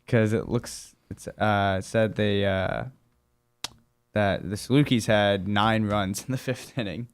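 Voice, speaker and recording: A man's voice: on the low side, clear, resonant tone. A man co-hosting a sports show, chiming in with agreeable interjections during casual talk. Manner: agreeable, quick interjections and frequent laughs. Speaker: co-host of a college sports show.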